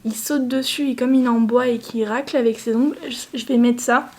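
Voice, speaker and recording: A woman's voice: a little high, fairly even intonation, brisk, darkish tone. A young woman chatting casually in a home vlog, rambling with self-mocking asides. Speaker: vlogger.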